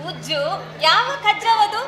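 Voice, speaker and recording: A woman's voice: very high-pitched, expressive, slow, heavily acted. A woman playing the night as a lofty, teasing woman on a live stage. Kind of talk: stage drama. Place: large hall, live stage. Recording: echoey hall, loud crowd, music.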